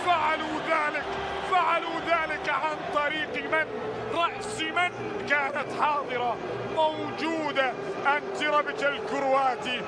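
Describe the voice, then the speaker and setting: A man giving excited live football commentary, emphatic, repeating phrases and names. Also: very high voice, moderate pace. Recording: loud stadium crowd noise over commentary. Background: roaring crowd.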